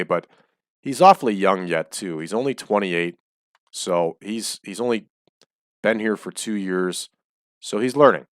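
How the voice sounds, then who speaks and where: Recorded dry in a small room at home, a let's-play host with a fairly low voice chats through a laid-back playthrough, explaining his choices. The air in his home has left his voice slightly off and dry.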